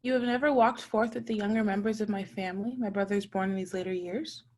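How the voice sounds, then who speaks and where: A woman's voice: medium pitch, fairly even intonation, fast, a little mellow, lightly acted. A woman playing a hearty, imperious Christmas spirit in a radio play, with a declamatory, commanding manner. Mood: bold, challenging.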